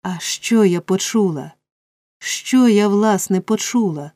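A woman voicing a gentle young woman who speaks firmly through tears, in an audiobook reading. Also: lowish voice, fairly even intonation, moderate pace, dry recording, clean studio sound, natural voice. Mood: distressed. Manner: firm yet emotional.

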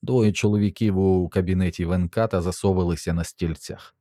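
Measured male audiobook reader, low and mellow. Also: fairly even intonation, no room sound, studio quality. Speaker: audiobook narrator. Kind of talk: scripted narration.

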